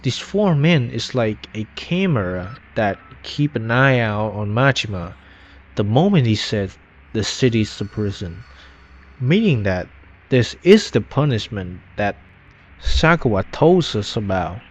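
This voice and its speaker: A man with a fairly low, animated voice narrates a scripted, informal story retrospective at a measured pace. His grammar is loose, often dropping verb endings. The cheap mic sounds dull and lo-fi, with music playing behind him.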